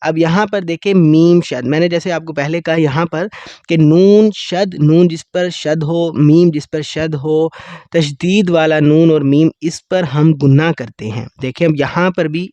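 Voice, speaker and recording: A man teaching Quran recitation rules in a lesson, explaining quickly and then chanting verses slowly and melodically. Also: fairly high pitch, mellow, no echo. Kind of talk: tajweed lesson.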